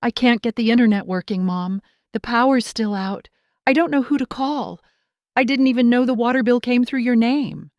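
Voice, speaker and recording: A woman's voice: a little high, lively intonation, unhurried, a little mellow, dry recording, lo-fi sound. Storybook: tired grown daughter, strained and pleading, read by a woman narrator, no room sound. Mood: desperate. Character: weary adult daughter pleading with mother.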